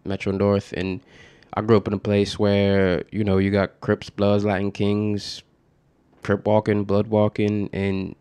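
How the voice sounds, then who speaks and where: A young man from Connecticut talking candidly as a podcast guest, laughing often and getting animated when he quotes people. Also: on the low side, clear, resonant tone. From Connecticut, USA. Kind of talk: casual reflective conversation.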